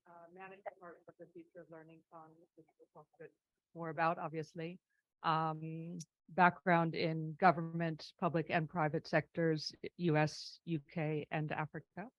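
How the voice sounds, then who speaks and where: A woman talking into a handheld mic at a conference, her voice level and even in pitch. She introduces herself in brisk, clipped fragments, sure of herself. The sound is dry and a little dull and lo-fi. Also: dry recording. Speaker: fund managing partner, panelist. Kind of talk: panel self-introduction. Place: conference hall. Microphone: handheld microphone.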